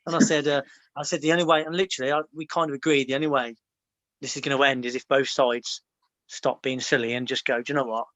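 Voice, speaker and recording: A man's voice: mid-range voice, level tone, fast, fairly bright tone, dry recording, poor audio. An English man in his young adult years, a former soldier, telling stories in casual podcast chat, rambling with lots of fillers and restarts.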